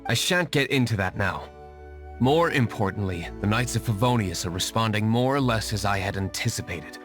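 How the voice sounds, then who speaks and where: A man's voice: lowish voice, expressive, moderate pace, close to an everyday voice. A man voicing a composed, reserved young nobleman who runs a winery, speaking formally in video game acting. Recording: game audio with music behind.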